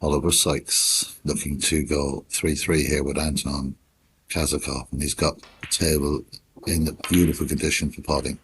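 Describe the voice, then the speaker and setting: A man commentating on sport in a hushed, unhurried golf-commentator manner, with measured, sparse phrases and long pauses. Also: very deep voice, little pitch movement, a little hiss or hum. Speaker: snooker commentator.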